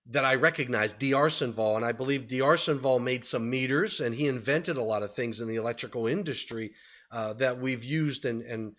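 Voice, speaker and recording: A man's voice: mid-range voice, moderate pace, fairly bright tone. A man in his fifties giving a conversational webinar presentation over a video call from a home study, with many fillers.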